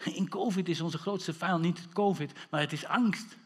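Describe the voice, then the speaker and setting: A man preaching a sermon, animated, full of rhetorical questions and bursts of shouting. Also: high voice, normal speed, slightly rough. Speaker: pastor. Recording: long hall reverb.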